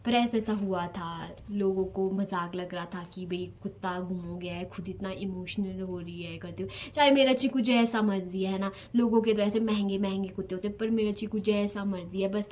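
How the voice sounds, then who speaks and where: A young woman vlogging, telling a personal story in a casual, rambling way, repeating words and drifting between soft and loud. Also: mid-range voice, steady tone, normal speed, hardly any pauses, slight background noise.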